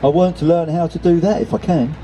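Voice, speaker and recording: Bloke voicing a keen little pigeon, eager and excited, way up high, dark mellow tone. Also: male voice, a little fast, slight background noise, natural voice, low-quality recording. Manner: eager, excited, a bit shy.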